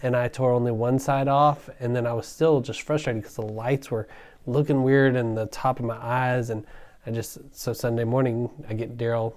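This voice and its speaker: A man's voice: medium pitch, little pitch movement, moderate pace, a little mellow. A man chatting casually as a co-host of a church conversation. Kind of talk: casual chat.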